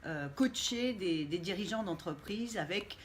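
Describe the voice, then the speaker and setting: Speaking a little slowly in a fairly low voice, this middle-aged guest coach on a casual live stream is expressive, playful and quick to laugh. She's from Montréal, Canada, with Italian heritage. Faint noise sits in the background.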